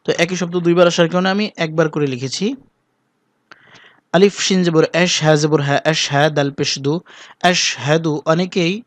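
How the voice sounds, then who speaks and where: A man teaching the call to prayer, spelling out each word and reciting phrases in a slow, drawn-out chant between plain explanations. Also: fairly high pitch, no room sound.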